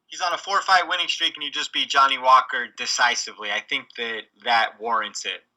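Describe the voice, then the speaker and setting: A man's voice: mid-range voice, fairly even intonation, fairly quick, bright, forceful tone, poor audio. A man co-hosting a casual sports podcast, giving confident, opinionated fight analysis. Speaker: podcast co-host.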